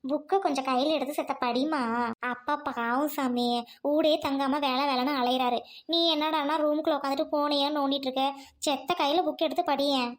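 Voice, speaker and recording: A gentle, fussing village mother, acted by a woman in a family skit. She speaks softly and coaxingly in a high voice, with a rural way of talking. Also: steady tone, quick pace, close to an everyday voice. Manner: soft, coaxing, rural Tamil speech.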